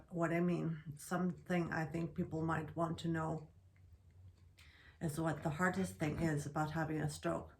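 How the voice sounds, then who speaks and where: A middle-aged woman reading prepared remarks in slow, halting speech, often restarting words. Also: low voice, vocal fry. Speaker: guest sharing stroke recovery.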